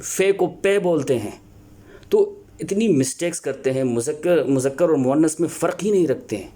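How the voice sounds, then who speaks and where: A man lecturing as a teacher, earnest and explanatory, pausing often to find his words. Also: on the high side, warm tone. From Pakistan. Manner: earnest, explanatory, with many filler pauses and restarts. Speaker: Urdu teacher. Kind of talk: spoken lecture on teaching Urdu.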